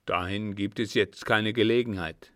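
A man's voice: lowish voice, fairly even intonation, moderate pace, no echo, studio quality, natural voice. A man voicing a curt village innkeeper who answers bluntly and dismissively.

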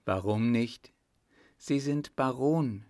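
A man's voice: mid-range voice, takes it slowly, no echo, clean studio sound, natural voice. A man reading the pleading lines of a poor young tavern girl in an audiobook. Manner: soft, pleading.

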